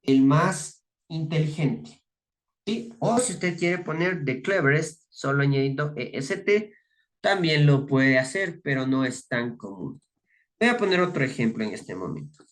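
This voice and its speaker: A man's voice: a little high, lively intonation. A man teaching English grammar in a recorded lesson, explaining each step patiently and often checking for understanding. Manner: reads English words slowly and clearly, then gives the Spanish meaning.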